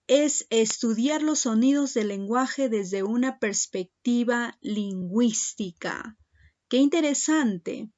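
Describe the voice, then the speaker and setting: A woman's voice: on the high side, slow pace, darkish tone, highs cut off. A woman teaching a secondary school class in a recorded lesson, speaking patiently and addressing her students directly.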